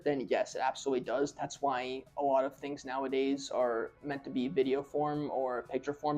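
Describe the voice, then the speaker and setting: Young man, mellow, explaining. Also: mid-range voice. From New Jersey. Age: young adult. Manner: earnest, explains step by step. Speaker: interviewee. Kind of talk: casual interview answers.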